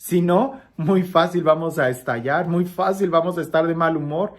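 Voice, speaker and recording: Expressive priest preaching a homily. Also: male voice, fairly high pitch, normal speed. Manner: expressive, swings from lively raised passages to soft hushed ones; repeats phrases for emphasis. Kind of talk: daily gospel homily.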